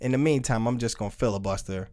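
A relaxed male podcast co-host with a mid-range voice, speaking loosely and conversationally. He swears casually and keeps things light. He talks straight into a podcast mic during a live stream. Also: medium pitch, quick pace. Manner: loose, laid-back and chatty, with casual swearing. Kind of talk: casual chat.

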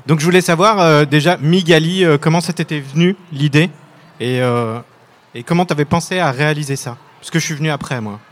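A man's voice: on the high side, moderate pace. A man, a comic scriptwriter, interviewing his illustrator in a chatty, joking way. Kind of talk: casual interview.

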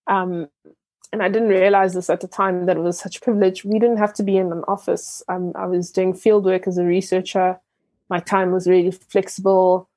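A woman from Ghana, a young entrepreneur, speaks in a lowish, fairly even voice with a mellow tone. She thinks aloud with many pauses and self-corrections, and the recording is close and dry. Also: no room sound. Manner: reflective, with frequent fillers and restarts. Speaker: entrepreneur guest. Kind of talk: interview conversation.

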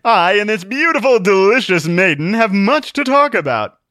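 A man voicing a smug, pompous know-it-all villain who drawls his lectures slowly. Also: high-pitched, big pitch swings, sharp tone, no room sound, studio quality, pitched above the performer's own voice, heavily acted. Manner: slow, drawn-out and pompous.

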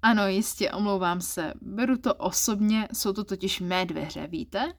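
A smug, flirtatious male office clerk who teases with suggestive double meanings, as a woman reads him in her own voice. He sounds sure of himself and playful in an erotic audio story, with an everyday voice at a middling pitch. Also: close to an everyday voice. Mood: teasing.

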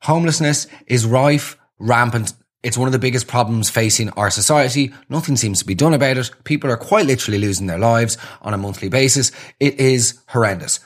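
A man talks alone into his podcast mic, casually rambling through a self-deprecating story. His voice sits in a middle pitch and leaps higher when he gets animated. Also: brisk. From Ireland. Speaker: podcast host. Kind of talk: casual solo podcast monologue.

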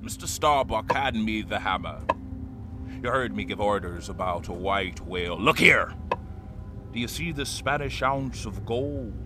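A man's voice: lowish voice, expressive, measured pace, background noise. A man playing an obsessed, commanding old whaling captain in theatrical, archaic seafaring oratory for an audio play. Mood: intense, rousing.

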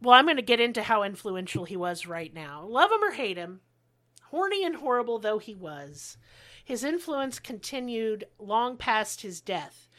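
A woman's voice: fairly high pitch, sing-song, normal speed, sharp tone. Blunt, sarcastic woman podcast host. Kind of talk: casual history chat.

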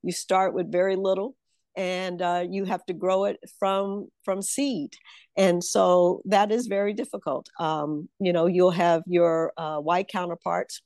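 A self-assured woman political consultant speaking in a somewhat low voice, emphatic and lively in her storytelling. The recording is dry and close, with no room sound around her. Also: a little slow, no echo. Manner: confident, emphatic storyteller who laughs easily. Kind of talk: conversational interview.

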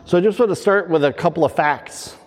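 A priest reading the Gospel and preaching in a slow, measured liturgical manner, his voice carrying a long cathedral-like echo. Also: fairly high pitch. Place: large church. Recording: church hall with long reverb.

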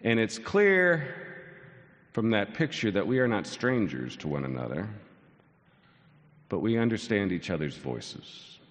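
A man's voice: lowish voice, sing-song, a little slow, pauses often. A pastor in his sixties preaching a sermon, telling stories with dry self-mocking humor and building to soaring lines. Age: 60s. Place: large church sanctuary. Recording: long church hall reverb.

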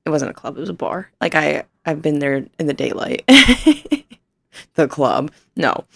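A woman's voice: low-pitched, big pitch swings, a little slow, gravelly, a bit bright, no room sound. A young woman in her twenties telling a rambling, self-deprecating story in casual chat, laughing often and swearing freely.

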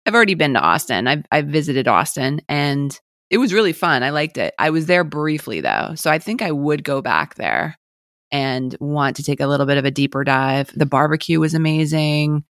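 A woman co-hosting a podcast, telling travel stories in an enthusiastic, expressive casual chat. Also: sits low, moderate pace, dry recording, clean studio sound. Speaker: podcast co-host.

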